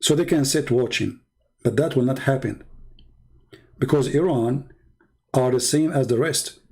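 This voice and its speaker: A man's voice: mid-range voice, a little slow, dark tone, breathy edge, low-quality recording. A man from the Middle East giving a sarcastic, mocking polemical monologue as a debater, issuing challenges.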